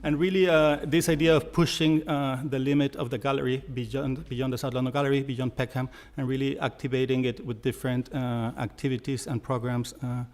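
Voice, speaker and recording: A man's voice: medium pitch, little pitch movement, darkish tone. A man, a curator, introducing speakers at a gallery event with many hesitations and fillers. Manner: halting, full of uh fillers. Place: gallery talk before an audience.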